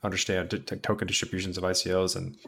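Co-host: man with a lowish voice, loose conversational delivery. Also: monotone, fast, gravelly, a bit bright, a little hiss or hum. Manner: loose, thinking aloud with restarts. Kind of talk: casual podcast chat.

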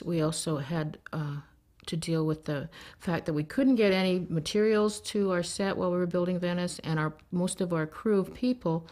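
A woman's voice: lowish voice, a little mellow. A woman, a production designer, recounting events in a documentary interview. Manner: matter-of-fact recounting with fillers.

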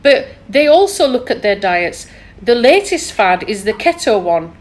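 A woman's voice: on the high side, very animated, measured pace. A woman with a thick Yorkshire accent, chatting casually and rambling with lots of fillers. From England. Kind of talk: casual chat.

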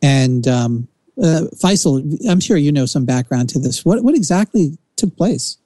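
A man's voice: on the high side, lively intonation, a little slow, mellow, dry recording. Opinionated man with a Jersey accent. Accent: New Jersey. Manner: opinionated, rambling with restarts. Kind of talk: casual chat.

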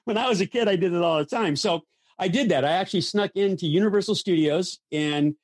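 Older man, guest storyteller, animated, acts out quotes, dry recording. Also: sits high, brisk, no room sound. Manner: lively storyteller, acts out quoted voices, frequent restarts. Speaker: guest, former stuntman. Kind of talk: anecdotal storytelling.

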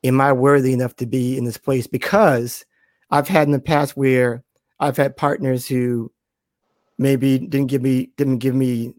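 A man's voice: medium pitch, level tone, unhurried, a little mellow, no echo, clean studio sound. A man hosting an interview podcast who backs the guest with short yeahs and repeats words as he starts sentences. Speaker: podcast host. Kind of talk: casual interview talk.

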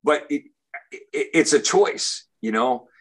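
A man in casual conversation, telling a funny story, animated and often repeating words as he starts sentences. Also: on the high side, slow. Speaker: comedian and recovery speaker.

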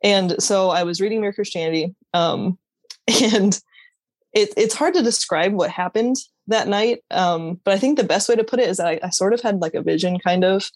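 A woman's voice: mid-range voice, no echo. Candid woman with a dry, close sound. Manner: earnest and candid, halting with restarts and laughs. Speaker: interview guest. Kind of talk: personal faith testimony in conversation.

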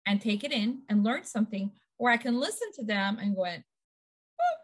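A middle-aged woman talking as a guest in a casual conversation, telling lively stories and acting out quotes. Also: fairly high pitch, brisk, slightly rough. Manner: lively storyteller, acts out quotes.

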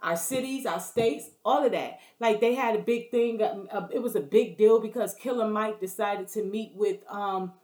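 A woman's voice: mid-range voice, moderate pace, hardly any pauses, a little mellow. Blunt, profane woman ranting in an echoey room. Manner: blunt, profane, keeps asking "you know what I mean". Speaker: vlogger. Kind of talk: casual storytelling rant. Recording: roomy echo.

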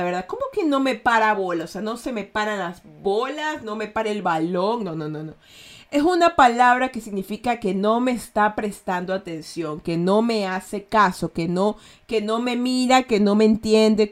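A woman with an Ecuadorian accent hosting a casual slang lesson, chatty and checking in with her listeners often. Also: medium pitch. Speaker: host teaching slang.

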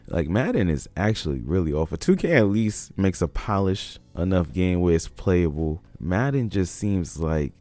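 A man's voice: low voice, big pitch swings, normal speed, few pauses, a little mellow, dry recording. A man hosting a casual solo gaming podcast, talking in a rambling, laid-back way with chuckles, his voice a bit congested from a cold. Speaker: podcast host.

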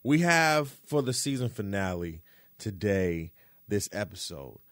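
A man's voice: fairly low pitch, big pitch swings, unhurried, a bit bright, dry recording, clean studio sound. A man hosting a music podcast in casual, hyped, slangy talk, effusive and repeating phrases for emphasis. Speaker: podcast host.

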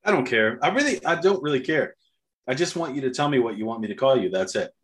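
A man's voice: mid-range voice, expressive, fast talker. Rambling, sweary man in casual talk. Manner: rambling, profane, acts out imagined dialogue. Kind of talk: casual opinionated chat.

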